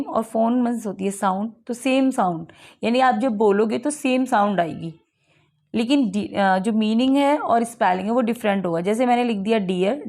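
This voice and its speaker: A woman teacher explaining English literary terms for an exam, reading definitions slowly and then going over them in mixed Hindi and English with lots of rhetorical questions. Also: fairly high pitch, gravelly, mellow.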